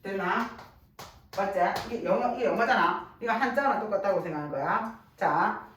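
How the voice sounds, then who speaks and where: A woman with a teaching a Korean language class, lively and constantly checking whether her students follow. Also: mid-range voice, normal speed. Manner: lively, checks understanding constantly with rhetorical questions. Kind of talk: classroom lecture. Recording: echoey room, voice from a distance, faint noise.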